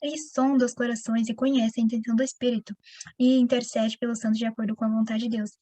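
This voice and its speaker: A woman with a Brazilian Portuguese accent teaching the Bible in a conversational, animated way, often addressing her listeners directly. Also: fairly high pitch, fast talker, no echo. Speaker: preacher.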